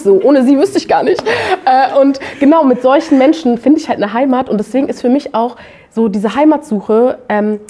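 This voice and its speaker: Casual mellow-voiced young woman poet. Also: high voice. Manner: casual, animated storytelling with laughs. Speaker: poet and author on a panel. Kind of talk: live panel talk.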